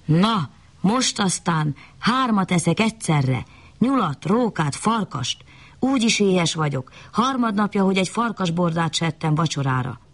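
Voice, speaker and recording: A woman voicing a big, hungry, lumbering bear in a bedtime story, slow and heavy. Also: on the low side, animated. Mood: greedy.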